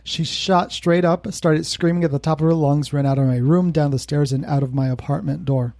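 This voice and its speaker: A man's voice: fairly high pitch, steady tone, a little fast, darkish tone, dry recording, clean studio sound. A male podcast co-host telling a spooky story in casual chat, laughing now and then. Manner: laughs while telling a creepy tale.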